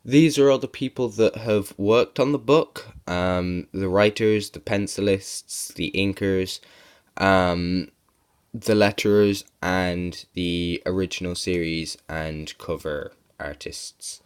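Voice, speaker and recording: Man, low pitch, smooth tone, sick with sore throat and sniffles, casual hesitant video review. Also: fairly even intonation, slow pace. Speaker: comic book reviewer.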